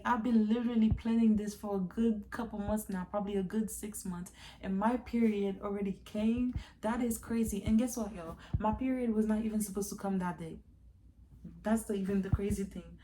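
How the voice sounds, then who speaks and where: A woman's voice: medium pitch, warm tone, slight background noise. A young woman vlogger chatting candidly to viewers in a casual storytime confession, calling them y'all.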